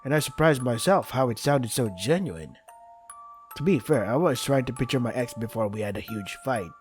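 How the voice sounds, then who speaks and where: A man's voice: mid-range voice, animated, moderate pace. Man reading game story over music. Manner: dramatizes the read lines, joking asides. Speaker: gamer narrating a visual novel playthrough. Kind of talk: reading game text aloud with casual asides.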